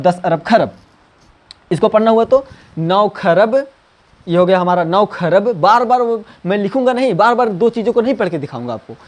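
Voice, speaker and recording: A man teaching math, coaxing students and repeating number names slowly. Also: high voice, a little mellow. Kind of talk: classroom lesson.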